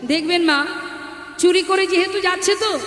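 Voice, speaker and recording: A woman's voice: extremely high pitch, moderate pace. A woman with a Bengali accent narrating a devotional kirtan story dramatically, addressing the audience on a stage in a large hall. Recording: echoey hall with live music.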